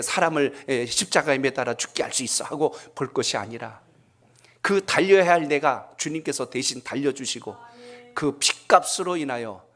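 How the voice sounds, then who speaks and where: Middle-aged pastor telling stories. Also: male voice, medium pitch, a bit bright. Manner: storytelling, asking the congregation questions. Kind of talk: sermon.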